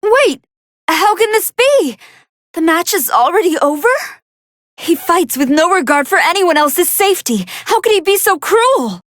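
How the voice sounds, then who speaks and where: A woman voicing a gentle, earnest young female android scientist who gives polite, precise fight commentary in a video game. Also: extremely high pitch, measured pace, no echo, clean studio sound, full character voice. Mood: startled, excited. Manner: polite, precise, analytical, expressive. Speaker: match commentator.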